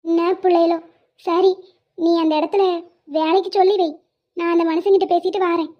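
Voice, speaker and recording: A woman's voice: very high-pitched, level tone, normal speed. A woman voicing a worried working-class mother in a cartoon. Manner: earnest, weary, worried. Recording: dull lo-fi sound.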